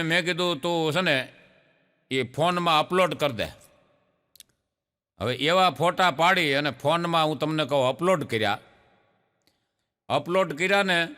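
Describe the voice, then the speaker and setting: A man telling jokes on stage, playing out the characters' quoted lines as he goes. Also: high voice. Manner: lively storytelling, acting out characters' quoted lines. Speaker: stand-up comedian. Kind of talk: Gujarati joke telling to an audience. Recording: long hall reverb, stage show.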